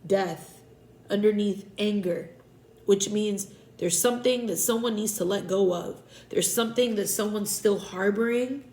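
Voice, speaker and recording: A woman with a stuffy nose giving a relaxed, rambling tarot reading, often correcting herself mid-sentence. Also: medium pitch, a little slow, reverberant, rough recording. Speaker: tarot reader.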